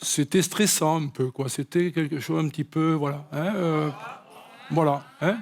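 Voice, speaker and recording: A man's voice: on the high side, fairly even intonation, moderate pace, a little mellow. A man competing on a TV game show, answering hesitantly with many fillers and trailing phrases.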